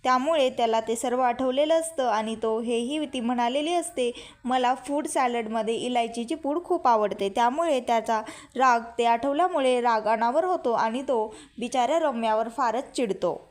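A young woman retells a television serial episode, stepping through each scene and quoting the characters one after another. Her voice sits high and bright. She keeps up a steady storytelling flow. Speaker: narrator recapping a TV serial. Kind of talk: storytelling recap with quoted dialogue.

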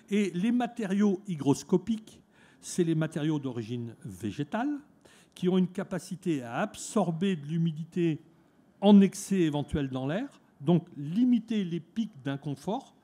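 A man with a fairly high but mellow, warm voice gives a talk at a fair. He speaks loosely, with lots of "hein" and small restarts, addressing a live room. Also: slightly rough. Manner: conversational, frequent "hein" tags, restarts. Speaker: lecturer at a trade fair talk. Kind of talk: conference talk. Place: conference room at an eco fair.

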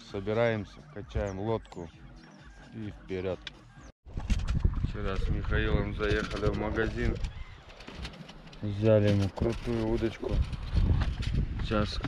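A man's voice: lowish voice, steady tone, slow pace, pauses often. A middle-aged man casually narrating a fishing trip from an inflatable boat, chatty and easygoing, recorded on an action camera outdoors. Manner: easygoing, chatty, exclaims over catches. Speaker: fishing vlogger. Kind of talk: casual outdoor vlog commentary. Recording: lo-fi camera audio with loud wind and water.

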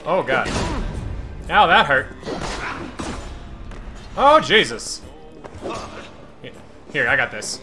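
A man giving casual gameplay commentary as a streamer, excitable and cursing at enemies while game music plays. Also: fairly high pitch, drawn-out words, long pauses. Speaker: gaming streamer. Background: game audio and music.

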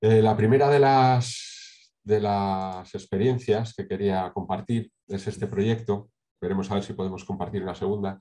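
A middle-aged man from Spain with a low, dark voice presents a project over a webcam on a video call. He talks in a measured way, pausing often with hesitations and tag questions. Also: fairly even intonation. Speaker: sustainability consultant presenting a project. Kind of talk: online conference talk with slides.

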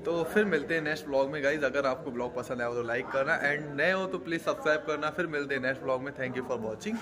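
A man's voice: mid-range voice, fast, over music. A young man talking casually to viewers in a selfie vlog, filmed on a phone at arm's length, chatty and often checking in with the audience. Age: young adult. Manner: chatty, keeps asking "theek hai?" to viewers. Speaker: vlogger. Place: indoors at home and outdoors at a college camp. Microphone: phone held at arm's length.

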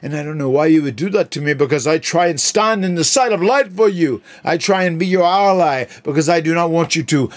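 A man putting on a theatrical, pompous persona, speaking in slow, archaic, overwrought phrases. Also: a little high, voice pushed up, natural voice. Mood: pompous, indignant. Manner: pompous, drawn-out archaic speech.

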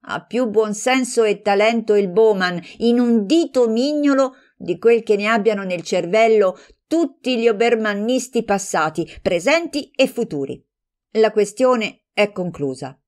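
A woman's voice: mid-range voice, unhurried, hardly any pauses, pitched above the performer's own voice, lightly acted. A woman reading an audiobook, voicing a proud, self-assured woman who answers with ironic, cutting remarks. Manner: ironic, cutting, then calm and dismissive.

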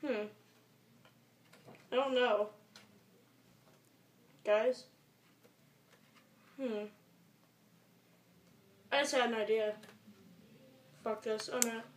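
Drawing out words and leaving long pauses, a young teenager talks in a steady, medium-pitched voice while muttering and swearing through an improvised tutorial vlog. The amateur video maker records in a small bedroom on a camera mic, and the sound is echoey and noisy.

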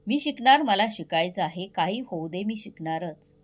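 A woman voicing a timid young married woman who speaks haltingly and softly. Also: fairly low pitch. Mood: determined. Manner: halting, stammering, soft.

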